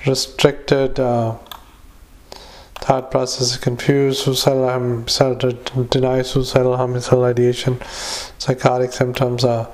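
A male clinician dictating clinical notes into a dictaphone recorder, halting with many filler sounds. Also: mid-range voice, monotone, a little mellow. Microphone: handheld dictation recorder.

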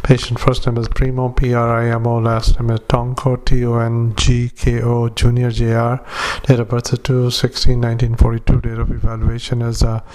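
Male physician, dictaphone recording of clinical notes, utterly flat delivery, frequent hesitations. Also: medium pitch. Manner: flat, halting dictation with many fillers, spells out names. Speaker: doctor. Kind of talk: dictating a medical report into a dictaphone.

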